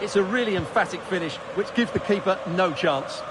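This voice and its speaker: Measured high-pitched football pundit man. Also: heavy background noise. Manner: measured, explanatory. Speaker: football co-commentator. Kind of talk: analytical match summary.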